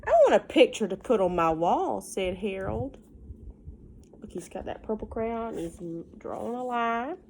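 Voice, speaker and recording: Over slight background noise, a woman teacher reads a picture book to small children at an unhurried pace with lively, swinging pitch. She often leaves the text to explain things plainly or to ask the kids something.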